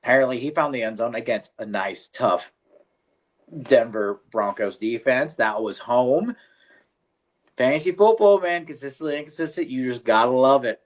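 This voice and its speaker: A man's voice: medium pitch, animated, normal speed. A man co-hosting a casual livestream chat, laid-back and swearing freely as he rambles. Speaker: podcast co-host.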